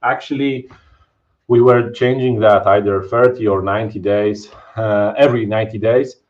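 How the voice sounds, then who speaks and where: In a live online security session, a Polish-accented presenter from Poland speaks in a low, steady voice at a moderate pace, casually explaining with many fillers and "right?" checks. The webcam stream from his home office sounds dull and lo-fi.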